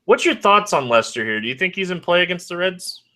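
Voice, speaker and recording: A man hosting a fantasy baseball podcast over an online call, rattling off stats in a brisk, stat-heavy way. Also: sits high, very animated, pushed and bright. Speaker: podcast host. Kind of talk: fantasy baseball analysis chat.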